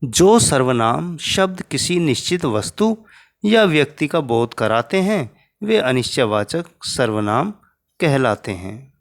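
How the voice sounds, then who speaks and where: A man's voice: mid-range voice, very animated, slow. A man teaching a Hindi grammar lesson to children, patiently spelling out each example.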